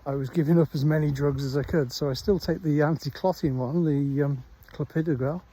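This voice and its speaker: A middle-aged man with a Welsh accent, his voice fairly high, steady, mellow and husky, vlogs on a countryside dog walk. Talking casually into the phone he holds, he rambles unhurriedly and pauses often.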